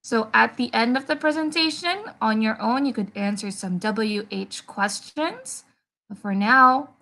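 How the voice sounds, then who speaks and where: A woman's voice: a little high, gravelly, sharp tone. A woman reading interactively to young children in a broad, singsong children's theatre manner, encouraging them to repeat along. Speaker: children's story-time presenter.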